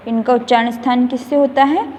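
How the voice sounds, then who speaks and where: A woman teacher gives a slow, careful classroom explanation. She reads out textbook lines, then explains them simply, with frequent pauses and fillers. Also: a little high, steady tone, mellow, in a large hall, a little hiss or hum. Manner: recites letters one by one in a slow, measured way. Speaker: school teacher.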